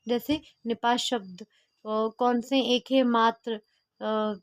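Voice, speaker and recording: A woman's voice: on the high side, fairly even intonation, takes it slowly, no room sound. A woman tutoring a grammar lesson, explaining each example and answering her own questions, with fillers and restarts.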